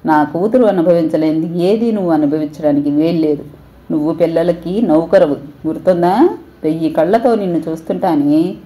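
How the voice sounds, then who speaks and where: A woman's voice: lowish voice, fairly quick, warm tone, close to an everyday voice. A woman voicing a domineering, cruel older mother-in-law who speaks harshly and threatens. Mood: menacing.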